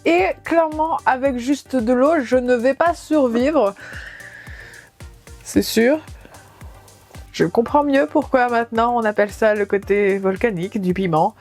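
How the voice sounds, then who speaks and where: A woman's voice: on the high side, measured pace, long pauses, darkish tone, soft background music. A woman talking casually to camera as a vlogger, with a wry, playfully dramatic way of speaking. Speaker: vlogger doing a food challenge.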